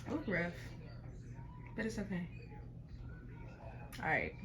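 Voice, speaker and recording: A woman's voice: lowish voice, animated, slow, background noise. A woman in her twenties chatting casually to camera in a home vlog, talking freely with lots of fillers and playful exclamations, recorded on a phone camera. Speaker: vlogger. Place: at home, indoors.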